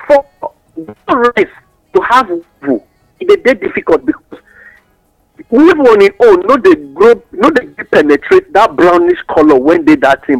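A man's voice: very high voice, gravelly, dry recording, rough recording. A man with a Nigerian accent explaining things in West African Pidgin English, teaching through examples and rhetorical questions as a radio guest giving advice.

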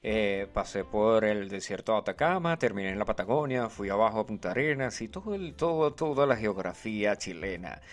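A man's voice: fairly quick, hardly any pauses. A man chatting casually on a radio show, explaining slang like a teacher and quoting phrases in a livelier voice. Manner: animated, teacherly, quotes phrases in a higher voice. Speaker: radio co-host.

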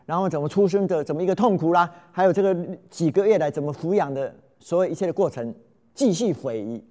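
A man telling parables in a lecture to an audience, with dramatic swings in loudness and frequent drawn-out fillers. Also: a little high.

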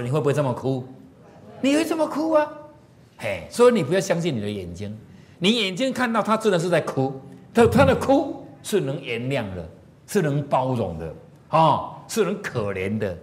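A man's voice: a little high, moderate pace. A man giving a moral lecture through stories, often asking the audience questions. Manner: animated, asks the audience questions. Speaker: moral teacher.

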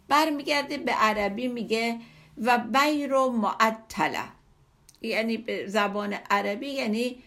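A woman's voice: fairly high pitch, fairly bright tone. A woman patiently explaining and retelling a story from a classical poem, in a conversational teaching manner.

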